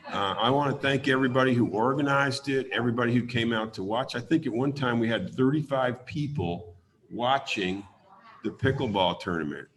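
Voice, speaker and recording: A man with a raspy voice from a cold, hosting a community town hall and leading a prayer, speaking haltingly with many ums. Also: mid-range voice, fairly bright tone, slight background noise.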